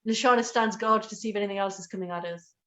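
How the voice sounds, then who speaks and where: A woman's voice: medium pitch, fairly even intonation, quick pace, noisy background. A woman player chatting casually at a tabletop role-playing game. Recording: dull lo-fi sound.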